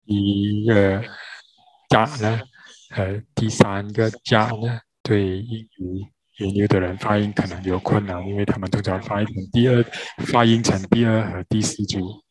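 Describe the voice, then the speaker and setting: A man interpreting a grammar lesson, spelling out syllables one by one with frequent pauses. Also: lowish voice, flat delivery, darkish tone, breathy edge, no echo, poor audio. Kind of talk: slow spoken lesson.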